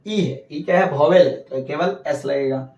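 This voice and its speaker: Far from the mic in a reverberant room, the recording muffled, a male teacher with a highish, darkish voice speaks at normal speed. Teaching English grammar to a class, he restates the rules and asks questions only to answer them himself.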